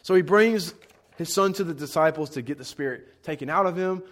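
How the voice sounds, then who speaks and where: A man's voice: a little high, fairly quick. Earnest young man giving a casual Bible talk. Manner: earnest, conversational, encouraging. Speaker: Bible teacher. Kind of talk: casual devotional teaching.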